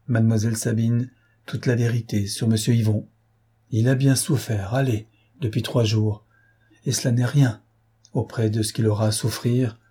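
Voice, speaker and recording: A man's voice: medium pitch, dark tone, husky. A man reading aloud who voices a loyal, earnest sailor recounting events in a solemn way. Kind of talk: audiobook character reading.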